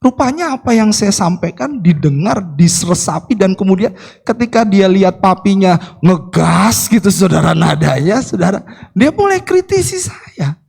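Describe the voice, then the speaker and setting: A middle-aged male pastor delivers an animated sermon, breaking into homely family anecdotes. His voice sits high for a man and carries a gravelly edge. The sound trails off in the long reverb of a church hall. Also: normal speed. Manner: animated storytelling, repeatedly addresses the congregation.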